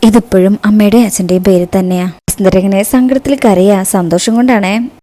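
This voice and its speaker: Mellow-voiced woman retelling a soap episode. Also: medium pitch, steady tone, fairly quick. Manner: recounts scenes, quoting each character in turn. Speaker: TV serial recap narrator. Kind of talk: casual retelling of a TV serial episode.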